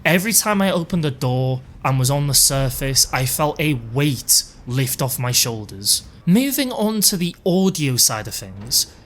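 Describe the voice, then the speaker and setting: A man narrating a scripted video game review, conversational and animated in places. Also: a little high, slight background noise.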